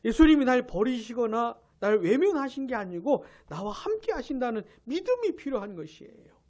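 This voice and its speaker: A woman pastor preaching a New Year's Eve sermon. She tells the story with animation, asks the congregation questions and answers them, and drops to a hush for emphasis. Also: a little high, sing-song, moderate pace, highs cut off. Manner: drops to a hush for emphasis, then rises again.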